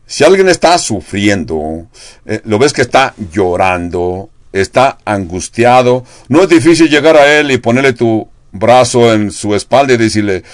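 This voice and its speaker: A man's voice: medium pitch, no room sound, clean studio sound. An older man preaching a sermon in Spanish, asking his congregation rhetorical questions. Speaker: pastor.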